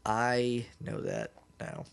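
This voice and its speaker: A man's voice: medium pitch, level tone, slow pace, creaky, clean tone. A man co-hosting a podcast, recapping an episode in casual, rambling chat and joking as he goes. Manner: rambling, joking, acts out bits. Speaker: podcast co-host.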